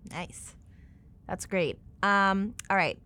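A woman's voice: medium pitch, very slow, sharp tone. A woman hosting an interview, giving short upbeat prompts and questions. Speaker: podcast host.

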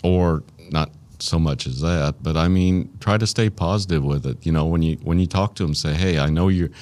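Middle-aged male interviewee with an Arkansas drawl. Low voice, plain-spoken and folksy, chatting informally with pauses. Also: darkish tone. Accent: Arkansas Southern. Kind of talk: casual reminiscing interview.

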